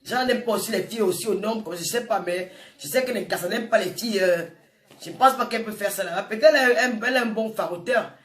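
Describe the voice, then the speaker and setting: Her medium-pitched voice moves fast as this woman in her forties, a social media personality with a Francophone African accent, gives viewers an impassioned, informal scolding. She repeats phrases for effect, and the echoey room is heard through a distant microphone.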